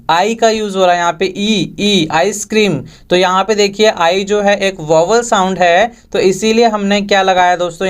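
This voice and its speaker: A man's voice: sits high, clear, resonant tone. A man teaching English grammar, patiently repeating each point and posing questions to his viewers. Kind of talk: Hindi-language grammar lesson.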